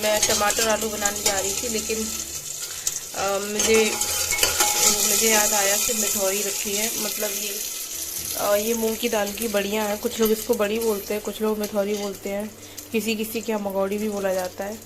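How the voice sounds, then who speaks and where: A woman's voice: medium pitch, little pitch movement, moderate pace, very noisy. Chatty woman vlogging her chores. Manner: chatty, explains each household task step by step. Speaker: family vlogger and mother. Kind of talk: casual chat to camera. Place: home, doing laundry and cooking in the kitchen.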